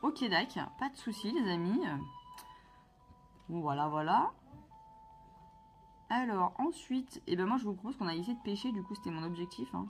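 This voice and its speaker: A woman's voice: mid-range voice, lively intonation, normal speed, long pauses, faint music behind. A woman chatting casually to her viewers as she plays a video game, playful and talkative. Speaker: vlogger playing a video game. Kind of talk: casual gameplay commentary.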